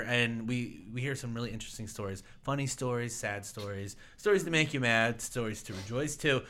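A man's voice: mid-range voice, sharp tone. A man co-hosting a casual podcast, running through upcoming local events in a chatty, rambling way.

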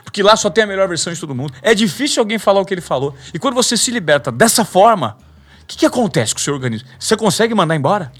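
A man's voice: high-pitched, big pitch swings, racing. A man hosting a podcast interview, chiming in eagerly with agreement and explaining points with examples. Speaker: podcast host. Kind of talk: interview chat.

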